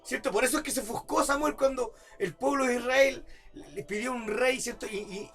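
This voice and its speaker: A man's voice: extremely high pitch, moderate pace, fairly bright tone, faint music behind. A man preaching a sermon as pastor, repeating rhetorical questions and building to emphatic outbursts. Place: church service.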